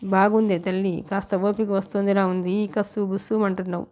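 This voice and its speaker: A woman's voice: medium pitch, level tone, fairly quick, a little mellow, lightly acted. A woman voicing a fretful, scolding old grandmother in an audiobook novel. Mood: reproachful. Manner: reproachful.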